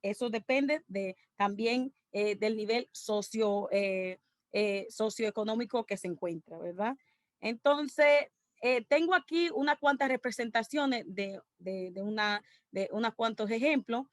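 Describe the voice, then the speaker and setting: A woman's voice: fairly high pitch, measured pace, no echo. A woman with a Dominican accent presenting an academic conference talk over a video call, explaining her points through lists of examples. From Dominican Republic.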